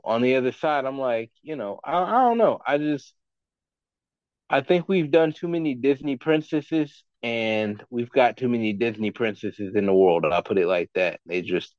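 A man's voice: medium pitch, dry recording, dull audio. Blunt, profane man on a podcast. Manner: blunt, profane, rambling opinions. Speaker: podcast guest. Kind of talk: casual chat.

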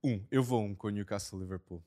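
A man co-hosting a casual sports podcast, talking lively and laughing often. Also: fairly low pitch, quick pace. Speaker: podcast co-host.

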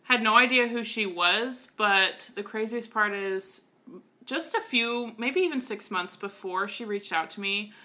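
Twenties woman cohosting a podcast, bright voice, animated storytelling. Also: medium pitch, measured pace. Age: 20s. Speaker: podcast co-host. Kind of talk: casual podcast chat.

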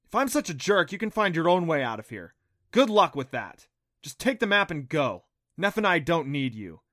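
A man's voice: a little high, lively intonation, normal speed, fairly bright tone, no room sound, clean studio sound. A man voicing a sarcastic, stubborn preteen boy in an audiobook, with a wry, teasing delivery. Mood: defiant.

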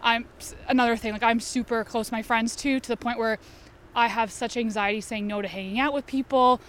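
A young woman from Albania, speaking with a fairly high voice, talks chattily as a guest, full of fillers and quick bursts. Faint traffic noise is heard around her outdoors. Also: steady tone, fairly bright tone. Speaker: interview guest. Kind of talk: casual interview.

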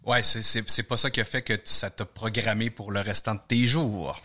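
A man hosts a casual interview, nudging his guest along with brief interjections. His voice is bright and forward. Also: lowish voice, steady tone, normal speed. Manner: short prompting interjections. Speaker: podcast host.

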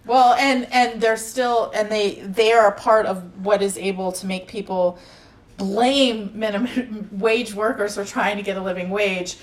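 A woman's voice: medium pitch, steady tone, unhurried, recorded from a distance. Earnest woman guest, sits away from the mic in a reverberant room. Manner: earnest, ranting, rhetorical questions. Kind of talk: casual chat. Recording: roomy, off-mic.

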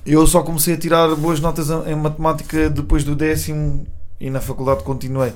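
Homem jovem de sotaque português, descontraído. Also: male voice, a little high, a little fast. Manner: relaxed, rambling, heavy slang fillers. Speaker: guest rapper. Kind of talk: casual podcast chat.

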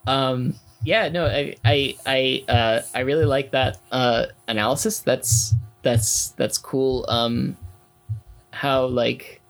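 A young man in a casual class discussion, talking haltingly with many fillers and restarts. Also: medium pitch, steady tone, poor audio.

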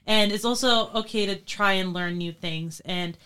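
A young woman from New York in a casual panel discussion, speaking reflectively, with her voice often dropping softer. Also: medium pitch, normal speed, smooth. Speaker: student panelist.

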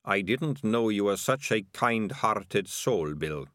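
A man voicing a sardonic male rat catcher who speaks slowly and dryly. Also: fairly low pitch, animated, fairly bright tone, no room sound, studio quality.

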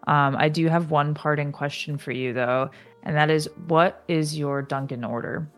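A woman in her twenties co-hosting a podcast in casual chat, chatty and quick, full of fillers and laughter. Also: low-pitched, fairly even intonation, faint music behind. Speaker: podcast co-host.

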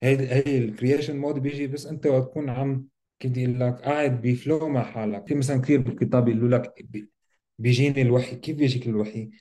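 Fast-talking mellow-voiced man. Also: medium pitch. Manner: relaxed, reflective, mixes English words into Arabic. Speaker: podcast co-host. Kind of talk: casual conversation about self-help.

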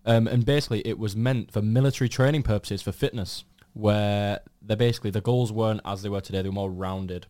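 A man's voice: on the low side, steady tone, fast talker, hardly any pauses, warm tone, no echo. A man with a Yorkshire accent chatting casually as a podcast co-host. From Yorkshire, England. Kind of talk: casual discussion.

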